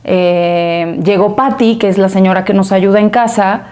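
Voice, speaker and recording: A middle-aged woman with a Mexican accent, telling a story in a casual interview and filling it with pauses and tag questions. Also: medium pitch, a little mellow. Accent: Mexican Spanish. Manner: conversational, many fillers and tag questions. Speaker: interview guest.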